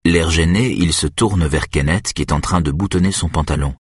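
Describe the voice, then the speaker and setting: A man narrating an audiobook in a steady, even reading. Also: a bass voice, moderate pace, breathy edge, dry recording, studio quality.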